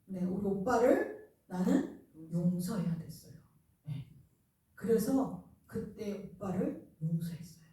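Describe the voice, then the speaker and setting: A woman's voice: medium pitch, lively intonation, takes it slowly, pauses often, warm tone, a little hiss or hum. A woman pastor preaching a sermon in a conversational way, telling personal stories with laughter, in a church sanctuary. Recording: very echoey hall, voice from a distance.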